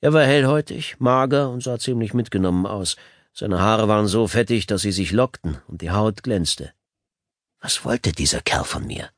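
A male audiobook narrator telling the story in the first person, with a sardonic, dry wit. His voice sits low, his pitch moves in lively swings, and the recording is dry with no room sound. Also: normal speed, dry recording.

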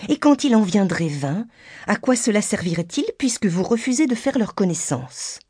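A fretful, nervous middle-aged mother, voiced by a woman narrator in an audiobook, shrill and complaining. Her pitch leaps up and down, and the tone stays husky and mellow. The dry studio sound gives no room at all. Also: big pitch swings, normal speed, no echo. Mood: bitter. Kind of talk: audiobook character reading.

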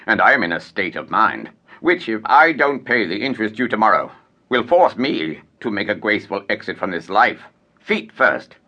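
Guy doing a ranting furious landowner, stage play, voice swings all over, bright edge. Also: lowish voice, sing-song, normal speed, exaggerated voice. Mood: indignant. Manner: blustering, ranting, theatrical outbursts. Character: irate middle-aged male landowner creditor, blustering.

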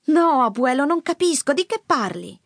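A woman's voice: high voice, big pitch swings, normal speed, no echo, studio quality, voice pushed up. A woman voicing a teenage girl who asks anxious, insistent questions in an audiobook. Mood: anxious questioning. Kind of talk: audiobook character voice.

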